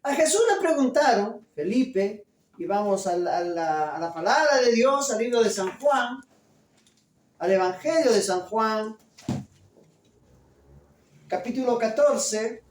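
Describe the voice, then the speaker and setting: A pastor delivering a sermon, loud and emphatic, full of rhetorical questions. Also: male voice, high voice, animated, takes it slowly, long pauses, a little hiss or hum. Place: church. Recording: echoey church from a distance.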